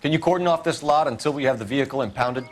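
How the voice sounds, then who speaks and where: A man's voice: mid-range voice, very fast, slight background noise, natural voice. A man with an American accent playing a tough cop, a blunt, intimidating detective in a crime drama video game. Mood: businesslike, curt. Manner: tough cop, clipped and threatening.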